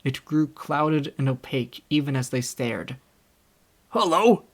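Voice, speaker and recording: A young man reading a classic novel aloud in scripted audiobook narration, with a steady storytelling delivery. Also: medium pitch, moderate pace. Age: young adult. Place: home recording setup.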